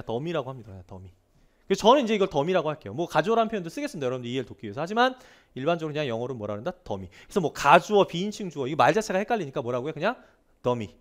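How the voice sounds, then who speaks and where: A man teaches grammar in a fast, lively lecture. His voice sits a little high and swings widely in pitch. He keeps asking his students rhetorical questions and repeats key words to drive them home. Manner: animated, asks students frequent rhetorical questions.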